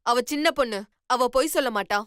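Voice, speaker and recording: A woman's voice: sits high, brisk, a bit bright, clear, resonant tone, no room sound, clean studio sound. A young actress playing a defiant young woman in a TV serial, speaking firmly and insistently. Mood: determined. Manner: firm, insistent, confrontational. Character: defiant young woman standing up for her sister. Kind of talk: TV serial acting. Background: music.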